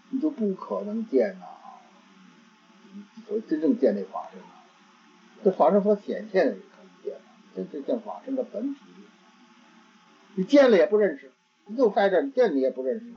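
A man giving a Buddhist dharma talk, halting and repeating words as he searches for phrasing. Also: sits high, slightly rough. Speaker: Buddhist teacher. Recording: dull lo-fi recording.

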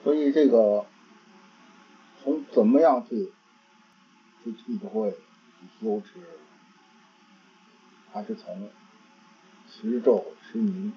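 A man giving a Buddhist dharma talk, halting and repeating words as he searches for phrasing. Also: medium pitch, sing-song, slightly rough. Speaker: Buddhist teacher. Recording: dull lo-fi recording.

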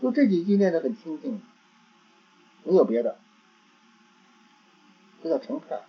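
A man giving a Buddhist dharma talk, halting and repeating words as he searches for phrasing. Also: on the high side, big pitch swings, husky. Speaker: Buddhist teacher. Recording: dull lo-fi recording.

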